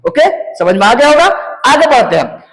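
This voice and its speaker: Man teaching grammar, very high voice, asks and answers his own questions, long reverberant room. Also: big pitch swings, fairly bright tone. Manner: asks questions and answers them himself, repeating key points; sounds out letters slowly one by one. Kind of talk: classroom-style lesson to students.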